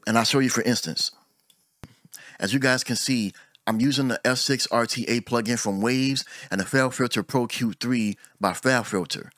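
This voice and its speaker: Recorded dry with a clean studio sound, this middle-aged man speaks in a medium pitch at a moderate pace. He's an audio engineer and channel host, chatting relaxedly to camera about vocal recording in a small home room, using a boom-arm desk mic, talking with his hands and repeating words.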